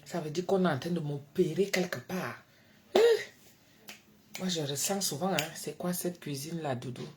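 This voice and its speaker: A woman hosting a late-night live stream from home, reading out viewers' names and answering them, swinging between soft murmurs and loud exclamations. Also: deep voice, moderate pace, slight background noise. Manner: reads out and answers viewers by name. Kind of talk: casual live-stream chat. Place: her home at night, indoors.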